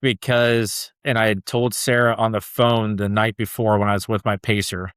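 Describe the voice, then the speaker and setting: A man with a lowish voice tells a long personal story on a podcast, rambling and casual, leaning on "like" and "dude". The sound is dry and close, with no room around it. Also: flat delivery, moderate pace, a bit bright, smooth, no echo. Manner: loose and chatty, peppered with "like" and "dude". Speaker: podcast guest, ultra runner.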